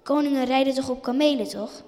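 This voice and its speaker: A woman voicing a small, eager boy mouse in a children's story, squeaky and excited. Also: fairly quick, big-room sound, lightly acted.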